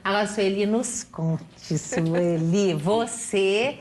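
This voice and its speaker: A woman's voice: mid-range voice, extremely slow, darkish tone, slight background noise. Brazilian woman host prompting questions. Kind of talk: interviewing.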